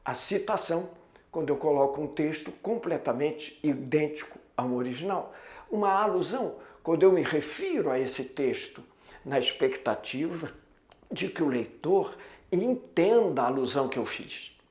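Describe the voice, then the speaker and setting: A male teacher delivers a lecture in a slightly high voice, leaning on words for emphasis. The sound rings with room echo. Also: animated, normal speed, a little mellow. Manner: didactic, emphatic, varies pace for stress. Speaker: Portuguese teacher. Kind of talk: recorded classroom lecture.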